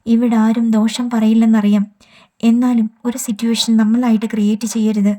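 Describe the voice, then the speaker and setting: A woman reading an audiobook, voicing a composed older colleague who gives hushed, firm advice. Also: on the high side, level tone, brisk, natural voice. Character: composed woman mentor, quietly guiding.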